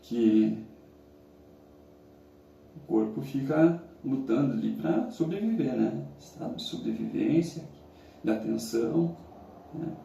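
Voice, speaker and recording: A Brazilian man speaks from ice cold water with a very dark, relaxed voice full of gravelly creak. He muses casually in halting phrases. The recording is roomy and echoing, picked up away from the mic. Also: medium pitch. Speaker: challenge vlogger. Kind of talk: casual reflective monologue. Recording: roomy, echoing, distant mic, faint noise.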